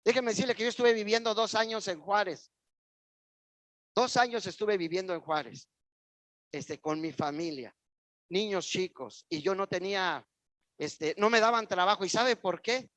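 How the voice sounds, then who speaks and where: A man's voice: sits high, normal speed, long pauses, a bit bright, no echo. A man with a Mexican accent, preaching a sermon in church and telling his own story, emphatic and repetitive as he speaks straight to the congregation. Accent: Mexican Spanish. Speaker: pastor. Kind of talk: sermon with personal testimony.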